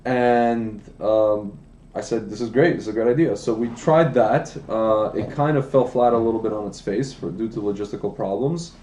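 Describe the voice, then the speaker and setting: Speaking at normal speed, this man has a lowish, mellow voice, with reverberation and a little hiss or hum. An American in his late thirties who founded a wine business, he's a livestream podcast guest indoors, telling his life story in a loose chat full of restarts and asides.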